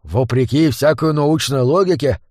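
A man's voice: mid-range voice, normal speed, a little mellow, no echo, studio quality, lightly acted. Man doing a grumpy bossy dwarf. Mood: grumbling. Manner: gruff, grumbling.

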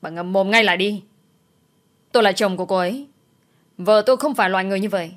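A woman's voice: medium pitch, fast, close to an everyday voice. A woman voicing an angry young father defending his wife and son. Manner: stern demands.

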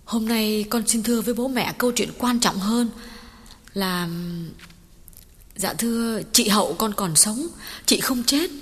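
Calm resolute young daughter. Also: female voice, fairly high pitch, a little slow, husky, in a large hall. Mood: respectful. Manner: calm, earnest and respectful. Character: young village woman, resolute secret activist daughter.

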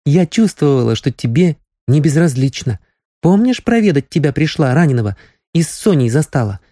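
A man's voice: fairly high pitch, sing-song, moderate pace, dark tone, dry recording, clean studio sound, voice pushed up. A teasing, lovestruck young village woman, as a man reads her. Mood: earnest, teasing. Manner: pleading, playful, raised girlish voice.

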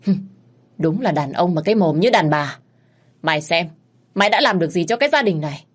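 A woman voicing a sharp-tongued young wife who curses in a shrill, sour voice. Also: lively intonation, brisk. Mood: furious scolding. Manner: scolding, cursing loudly.

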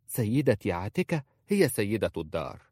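A man's voice: fairly low pitch, big pitch swings, normal speed, a little mellow, slightly rough, no room sound, studio quality. Man doing a gossipy house maid. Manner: gossipy, confiding.

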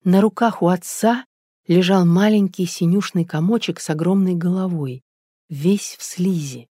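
Audiobook narrator reading a story, medium pitch, really dry close sound, no room. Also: moderate pace, dark tone, no room sound.

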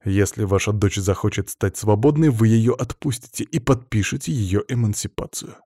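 A man's voice: lowish voice, moderate pace, warm tone, dry recording, studio quality. A man voicing a young aristocratic heir who speaks coolly, with control and firm demands. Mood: cold. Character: young male aristocrat heir, cold and self-assured.

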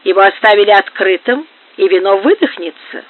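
A reader voicing a soft-spoken, fawning court priest. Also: mid-range voice, expressive, brisk, natural voice. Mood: deferential. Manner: soft-spoken, obsequiously polite. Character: male court priest, quiet and deferential. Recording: phone-like narrow band.

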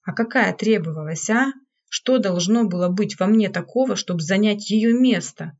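A woman's voice: mid-range voice, moderate pace, darkish tone, lightly acted. A woman reading an audiobook, voicing a hysterical, jealous woman servant who speaks in a bitter, accusing way. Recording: dull lo-fi recording.

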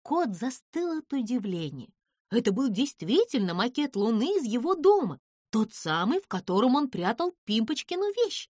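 A woman narrating a children's audiobook in a slow, expressive storytelling manner. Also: a little high, no echo, studio quality.

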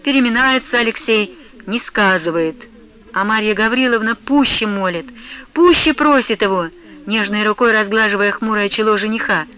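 A woman narrating a classic novel as an audiobook, in an even storytelling manner. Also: mid-range voice, moderate pace, highs cut off.

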